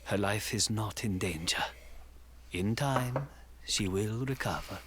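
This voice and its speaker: A man voicing a solemn elderly sage in a video game, speaking gravely in a hushed, near-whispered way. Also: on the low side, slow pace, noisy background.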